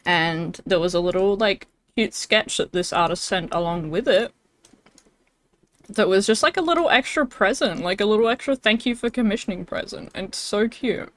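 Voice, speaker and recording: A young woman talks to her stream viewers in a loose, bubbly way. She giggles often and fills her sentences with little asides. Her voice sits at an ordinary middle pitch. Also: normal speed, a bit bright, dry recording. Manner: bubbly and giggly, many fillers. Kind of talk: casual live-stream chat.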